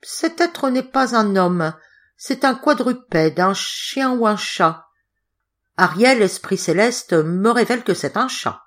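A woman reading an audiobook, voicing a solemn female fortune-teller who speaks gravely and counts out cards slowly. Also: mid-range voice, lively intonation. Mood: mystical.

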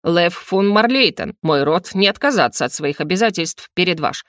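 A woman's voice: on the low side, animated, moderate pace, a bit bright, dry recording, clean studio sound. Woman doing a smug elf lord, mangles his grammar, drawls at you, storybook. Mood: mocking. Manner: mocking, drawls, garbled grammar. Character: arrogant male alv lord, elf, broken speech.

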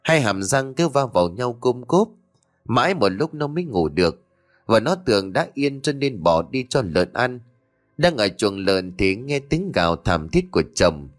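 A man reading a village horror story aloud as an audiobook narrator, telling it with expression. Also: fairly low pitch.

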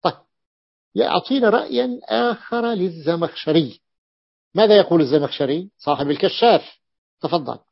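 A man's voice: sits high, expressive, moderate pace, vocal fry, pauses often, husky. Man teaching grammar, lo-fi. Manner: repeats key phrases, asks and answers his own questions. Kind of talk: classroom lesson explaining a text. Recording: dull lo-fi recording.

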